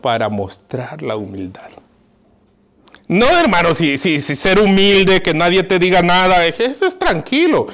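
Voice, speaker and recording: A man from Mexico, preaching a sermon. He keeps calling his listeners brother, asks them questions and swings between loud and hushed. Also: high voice, sing-song, unhurried, faint music behind.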